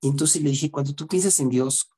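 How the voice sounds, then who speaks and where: A middle-aged man with a warm, slightly husky voice. He speaks as a therapist telling a story, earnest and reflective, and often checks that the listener follows. His voice stays mellow throughout. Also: on the high side, a little fast. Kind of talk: storytelling talk.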